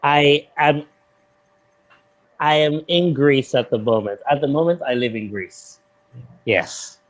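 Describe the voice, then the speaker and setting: A man with a mixed London and Nigerian accent, tutoring English in a relaxed, thoughtful video-call chat. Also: a little high, slow pace, muffled recording. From London, England. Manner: relaxed and thoughtful, adjusts his sound to the listener. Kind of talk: casual video-call conversation.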